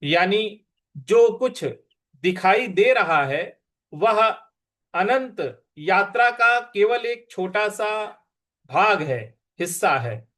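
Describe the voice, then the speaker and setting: Teaching Sanskrit scripture, this man patiently spells out each word syllable by syllable and points out the stresses, chanting verses slowly between simple explanations. His voice is expressive, a bit bright, and fairly high for a man.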